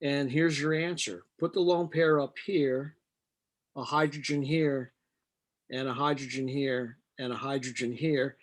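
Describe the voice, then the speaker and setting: A man's voice: mid-range voice, fairly even intonation, a little slow. A middle-aged man teaching a chemistry class, explaining step by step with patient jokes. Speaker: chemistry instructor. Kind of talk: live online chemistry lecture.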